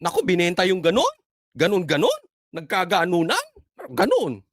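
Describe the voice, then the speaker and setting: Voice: medium pitch, huge pitch swings, normal speed, no room sound, clean studio sound. A political commentator talking casually, sarcastic and full of rhetorical questions, chuckling between points.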